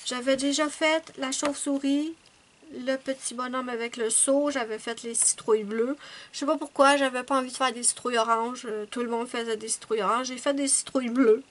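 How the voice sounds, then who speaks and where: A Canadian woman who hosts a coloring channel chats casually with her viewers about the coloring pages she's finished. Her voice is high and steady, her pace brisk, with frequent fillers and restarts, and there's a little hiss or hum in the audio.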